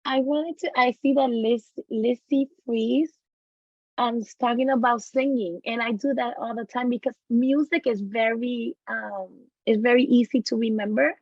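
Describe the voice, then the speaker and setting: A woman educator speaks warmly encouraging words to an online session, often restarting her phrases. Her voice has a strong gravelly fry, and the call audio is dry and a bit dull. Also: a little high, steady tone, normal speed, no room sound. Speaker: educator, presenter.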